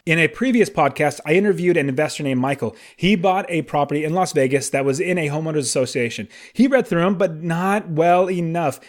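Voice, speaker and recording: Man in his late thirties, solo podcast host, slightly high voice, eager and chatty. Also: fairly quick, few pauses. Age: 30s. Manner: enthusiastic, conversational, emphatic asides.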